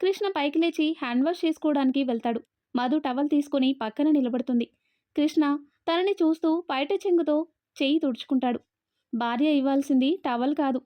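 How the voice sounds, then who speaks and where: A woman narrating a scripted story in a steady, even way. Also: sits high, quick pace, dry recording. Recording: dull, dry lo-fi audio.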